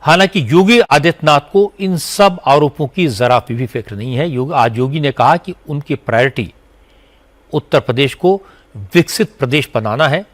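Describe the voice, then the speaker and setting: A man's voice: fairly high pitch, expressive. Man reading a Hindi news report. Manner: measured formal reporting. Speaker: news anchor. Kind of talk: scripted news narration.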